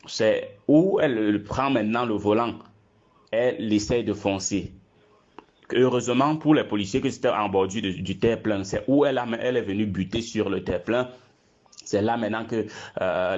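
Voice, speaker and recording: A man's voice: lowish voice, darkish tone. A man with a Cameroonian accent giving an informal eyewitness account, repeating himself for emphasis as he goes. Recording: muffled lo-fi recording.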